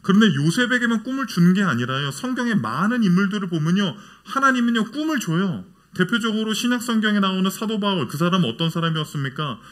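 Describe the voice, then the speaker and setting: A male pastor preaching a lively sermon in a church, his fairly high voice leaping up and down as he speaks. He keeps turning to the congregation with questions and answers them himself. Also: fast, hardly any pauses. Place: church sanctuary.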